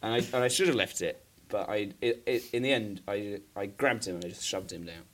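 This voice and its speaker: A podcast co-host tells a long, rambling story in a casual chat, poking fun at himself and laughing often. His voice is fairly low and a bit bright, and he talks a little fast.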